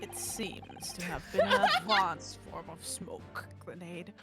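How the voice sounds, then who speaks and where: A haughty, scornful prosecutor sneers his lines in a slow drawl, as a woman voices him while reading a game aloud. The pitch rises and falls widely. Clear music runs behind. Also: huge pitch swings, heavily acted. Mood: snooty. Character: snooty, scornful male prosecutor. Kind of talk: voice-acting a game script.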